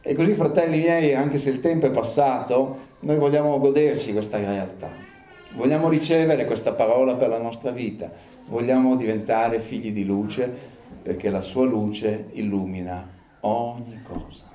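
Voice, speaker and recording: A man preaching a sermon as pastor, rising now and then into loud, high bursts of fervor. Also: normal speed. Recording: echoey room, faint ambience.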